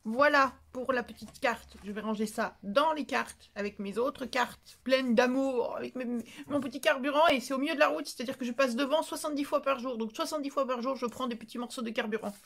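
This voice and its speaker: A woman's voice: high voice, a little fast, hardly any pauses, a bit bright. A French woman vlogging about her craft mail, chatty and rambling, with many fillers and restarts. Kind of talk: casual chat to camera.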